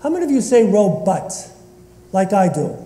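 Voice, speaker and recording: A man's voice: high voice, big pitch swings, quick pace, warm tone. A man from Northeast Philadelphia giving a sermon as a rabbi, joking and bantering with his congregation in a synagogue sanctuary. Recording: echoey hall reverb.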